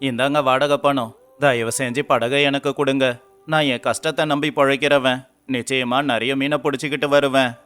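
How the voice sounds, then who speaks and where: A man voicing a poor, humble fisherman in an animated storybook, speaking in an earnest, pleading way. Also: medium pitch, normal speed, clear, resonant tone, close to an everyday voice. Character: poor, humble young fisherman, despairing husband.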